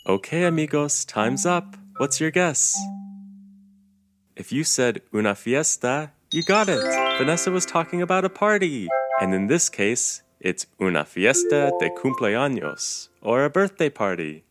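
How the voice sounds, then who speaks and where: Casting: playful man host for a kids' lesson, very animated, music playing behind. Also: medium pitch, unhurried. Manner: lively, friendly, playful. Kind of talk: children's language lesson.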